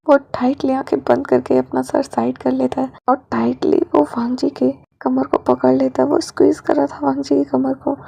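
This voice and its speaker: A woman reading a fanfiction story aloud as narrator, with lively, expressive delivery. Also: sits high, gravelly, breathy edge.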